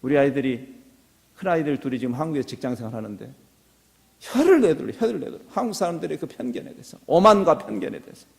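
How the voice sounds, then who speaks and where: Speaking rapid-fire in a creaky, animated voice of medium pitch, this middle-aged man delivers a sermon from the pulpit. His earnest tone climbs into impassioned appeals, echoing through a reverberant church sanctuary.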